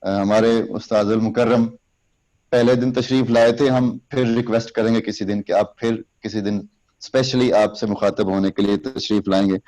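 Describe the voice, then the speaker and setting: A man's voice: on the low side, fairly even intonation, warm tone, rough recording. A man lecturing a class on public speaking, explaining step by step how to use hand gestures and speaking straight to his students. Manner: recites sample lines in a raised, slow, emphatic voice.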